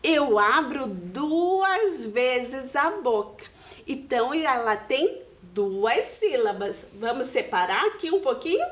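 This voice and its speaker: A woman's voice: sits high, sing-song, slow pace, reverberant. A Brazilian woman teaching a video lesson to young children, patient and sing-song as she explains. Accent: Brazilian Portuguese. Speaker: primary school teacher.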